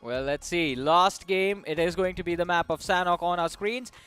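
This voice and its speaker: A man's voice: high-pitched, normal speed, a bit bright, smooth, faint music behind. A man with an Indian English accent, casting and analysing a mobile esports tournament in an upbeat, bantering way. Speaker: esports caster. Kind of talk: esports analyst desk commentary.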